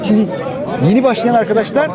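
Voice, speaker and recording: Guy vlogging at a busy outdoor market, talks fast, high voice, chatty questions, repeats himself. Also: steady tone. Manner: inquisitive, often echoes and repeats himself. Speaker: vlog host touring the market. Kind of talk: casual interviewing and chat. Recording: busy outdoor market, loud crowd and traffic.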